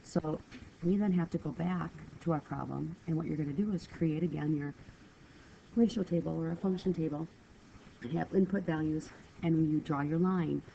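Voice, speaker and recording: Her voice is low-pitched, gravelly and dark in tone, at a normal speed, as a woman walks through a math lesson on a screen recording. A bit congested from a cold, she explains each step patiently and apologetically over a dull, lo-fi track with faint hiss.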